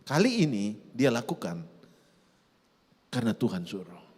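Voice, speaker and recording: Man, pastor, sermon, hushed to shouting, lively pitch, long church echo. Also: breathy edge. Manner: swings from hushed to shouting, drawn-out emphasis. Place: church hall. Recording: echoey church hall.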